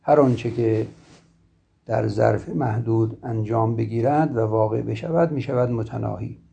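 A man giving a formal philosophy lecture in a slow, measured, scholarly way, often clearing his throat. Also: mid-range voice, mellow. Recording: dull lo-fi recording.

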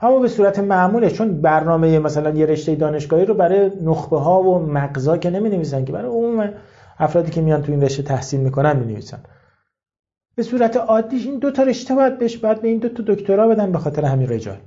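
Mellow-voiced male cleric lecturing students. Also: sits high, expressive, muffled recording. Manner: candid, conversational explaining with rhetorical questions. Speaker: seminary teacher and cleric. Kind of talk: informal lecture to seminary students.

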